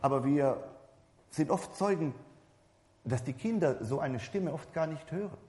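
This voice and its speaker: A man's voice: fairly high pitch, expressive, a little slow, mellow. A man preaching a sermon in a conversational way, talking directly to the congregation and often restarting and correcting his words. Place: church hall. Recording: reverberant hall.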